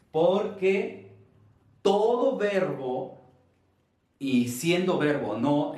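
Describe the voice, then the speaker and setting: Slow, echoey Mexican Spanish teacher. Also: male voice, on the high side, a little mellow. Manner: deliberate, stresses syllables to demonstrate. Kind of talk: video grammar lesson. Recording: very echoey room, from far off.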